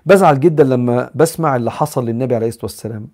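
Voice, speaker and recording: A man's voice: mid-range voice, very fast, a little mellow. A man with an Egyptian accent giving a live religious talk, answering questions in a conversational way, mixing in English psychology terms and acting out examples.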